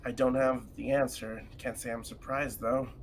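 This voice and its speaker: A man's voice: mid-range voice, flat delivery, moderate pace, a little hiss or hum, poor audio. Laid-back man with dry remarks. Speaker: guest co-streamer. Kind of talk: casual chat.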